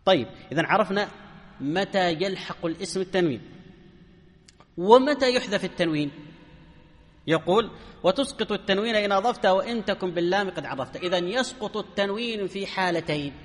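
A man's voice: high-pitched, expressive, brisk, long pauses, big-room sound. A man teaching a grammar lesson to a class, often asking questions and answering them himself.

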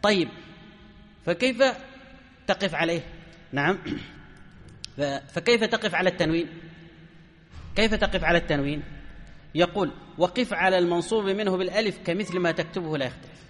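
A man's voice: high voice, a little fast, long pauses, fairly bright tone, long reverb tail. A man teaching a grammar lesson to a class, often asking questions and answering them himself.

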